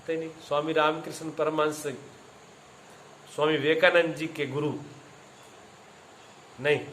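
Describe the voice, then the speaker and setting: A man's voice: a little high, little pitch movement, unhurried, fairly bright tone, roomy sound, slight background noise, rough recording. Man giving a spiritual discourse. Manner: storytelling with acted quotes, repeats phrases. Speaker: spiritual teacher.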